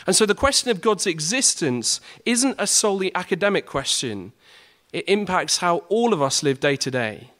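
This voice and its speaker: Rhetorical questions drive the earnest, prepared talk this young student gives to his classmates. His voice is fairly high in pitch and fairly bright.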